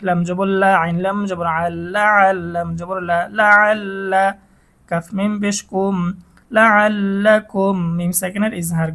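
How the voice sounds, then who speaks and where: A high-voiced man with a Bangladeshi Bengali accent teaches Quran reading. He spells out the letters and vowel marks, then slowly draws out the whole words.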